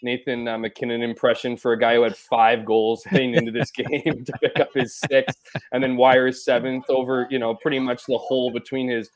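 A man's voice: mid-range voice, little pitch movement, fairly quick. A man, chatting casually about hockey on a video call, rambling with many restarts. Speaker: podcast co-host. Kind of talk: casual sports chat.

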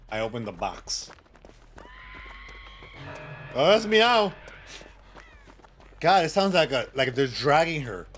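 Man, game streamer, casual live commentary, excitable, fairly high voice, very animated pitch. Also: slight background noise. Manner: excitable, loud exclamations and cursing; chatty, talks to viewers and teammates.

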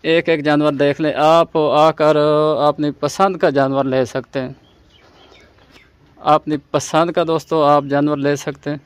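A man's voice: a little high, little pitch movement, measured pace, smooth, no room sound. A Pakistani man presenting cattle for sale to viewers in a persuasive, sales-like manner. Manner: persuasive, addresses viewers as friends. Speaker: livestock channel presenter. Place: outdoors at a farm.

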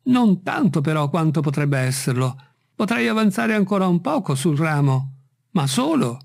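A man doing a fearful old servant, high-pitched. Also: big pitch swings, moderate pace, gravelly. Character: old male servant, simple and fearful, climbing a tree. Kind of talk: audiobook reading.

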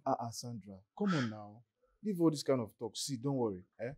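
A young man, playing a smooth-talking boyfriend who coaxes and wheedles. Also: medium pitch, expressive, fairly quick, crowd noise, close to an everyday voice. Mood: coaxing. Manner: coaxing, wheedling.

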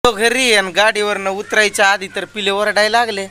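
A man's voice: high-pitched, level tone, a little fast, sharp tone, smooth. A man, chatting casually to viewers in a daily village vlog, filming on his phone. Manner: chatty, addresses viewers directly. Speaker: vlogger.

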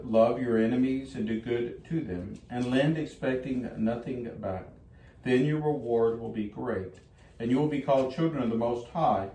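An older man speaks as a priest at a service, reading and reflecting. His voice is soft-edged and mellow. It carries with clear room echo, picked up from a distance. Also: medium pitch. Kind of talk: liturgical gospel reading and homily. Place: small wood-panelled chapel. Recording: echoey room, distant mic, faint noise.

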